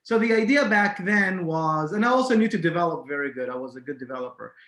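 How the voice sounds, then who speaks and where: A man's voice: fairly high pitch, animated, fast talker, fairly bright tone. Echoey-sounding Israeli-born man as podcast guest. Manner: hesitant, many fillers and restarts. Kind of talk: casual interview talk. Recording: echoey room.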